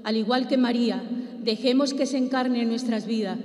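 A woman lector reading the intercessions at Mass in a measured, solemn way. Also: a little high, darkish tone. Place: large church. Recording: echoey church with long reverb.

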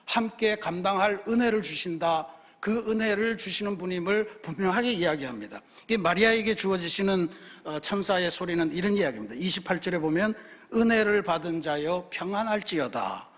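A man's voice: high-pitched, fairly quick, hardly any pauses, fairly bright tone. A man, the senior pastor, preaching a Sunday sermon in an earnest, explanatory way and asking rhetorical questions. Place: church sanctuary. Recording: long reverb of a church hall.

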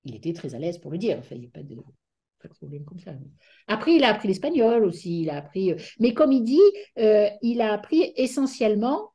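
A middle-aged woman giving an academic lecture over a video call, hesitant and often pausing to search for words. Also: mid-range voice, very animated, mellow, breathy edge.

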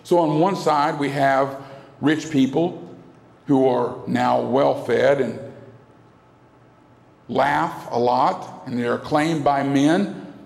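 The pastor, a middle-aged man, speaks slowly in a creaky medium-pitched voice with long pauses, preaching earnestly and repetitively at the pulpit mic with big gestures. A distant camera picks up the echoey church hall.

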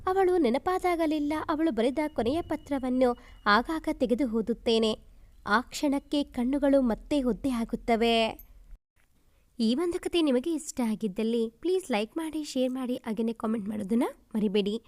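A woman narrating a first-person love story in a steady, even reading voice, then asking listeners to like and subscribe. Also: sits high, normal speed.

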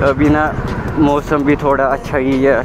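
A young man narrating a motorcycle ride to camera, excitedly calling out to his viewers as he weaves through city traffic. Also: medium pitch, measured pace, music in the background, low-quality recording. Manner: excited, addresses viewers as guys. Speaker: motovlogger. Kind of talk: riding commentary to camera. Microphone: helmet or body-mounted camera mic while riding. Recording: windy road noise from a moving motorcycle. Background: loud traffic and engine noise.

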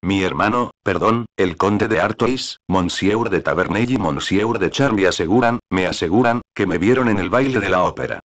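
A man with a low voice voicing a desperate, proud young queen in an audiobook reading, pleading and indignant. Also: moderate pace, hardly any pauses, no echo.

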